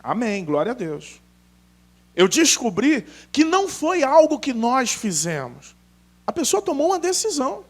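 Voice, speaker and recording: A male pastor, preaching in an unusually high voice that leaps up and down with lively emphasis. He tells stories and acts out the people in them. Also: unhurried. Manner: animated, emphatic, acts out dialogue. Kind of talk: storytelling sermon.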